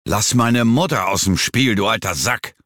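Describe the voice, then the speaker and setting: A man's voice: sits low, big pitch swings, a little slow, vocal fry, fairly bright tone, breathy edge, no echo, clean studio sound, heavily acted. A man voicing a scornful, threatening younger man in an audiobook thriller, his delivery mocking and cutting. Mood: menacing.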